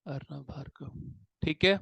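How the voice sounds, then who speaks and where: High-voiced male tutor quizzing his class. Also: gravelly, husky, no echo, lo-fi sound. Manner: drills students with rapid call-and-answer questions; fatherly, calls students "beta". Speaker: commerce tutor. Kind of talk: classroom lecture mixing Hindi and English. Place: coaching classroom.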